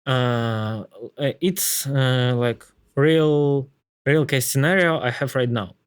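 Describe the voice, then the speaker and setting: A man's voice: medium pitch, smooth, no echo, studio quality. Man with a thick Slavic accent, thinking aloud. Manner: halting, thinking aloud with frequent repetitions. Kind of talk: casual tech discussion.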